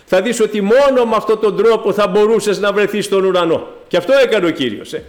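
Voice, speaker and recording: A man preaching a sermon, emphatic, rising to exclamations and dropping low when he addresses the congregation, with ironic mocking asides.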